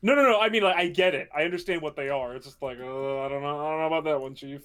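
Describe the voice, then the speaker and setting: A man's voice: on the high side, racing, fairly bright tone. A young man in a casual game chat who restarts his words a lot and gets enthusiastic and defensive.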